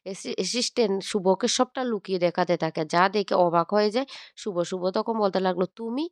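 Fast-talking woman retelling a serial. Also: medium pitch, darkish tone, dry recording, clean studio sound. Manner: reads all characters' lines in much the same voice; frequent restarts and filler sounds. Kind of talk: casual storytelling narration with quoted dialogue.

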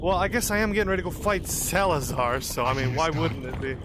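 Excitable high-voiced male gamer. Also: fast, noisy background. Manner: excitable, jokey, talks to game characters. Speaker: gaming streamer. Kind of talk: casual gameplay commentary.

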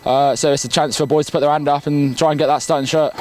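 A young man, a rugby player, giving quick post-match answers full of ums, outdoors at night into a handheld mic. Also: on the high side, soft background music. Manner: quick, flat, filler-heavy answers. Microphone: handheld interview mic.

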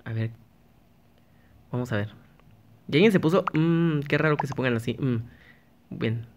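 Slight background noise accompanies a man with a mid-range voice and moderate pace. He's a YouTuber giving chatty gameplay commentary to himself and his viewers, frequently beginning sentences again.

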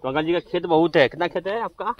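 This young trucker talks fast in a high voice, chatting directly with viewers as he films on a phone next to his truck in farm fields. The vlog audio is lo-fi with no room sound.

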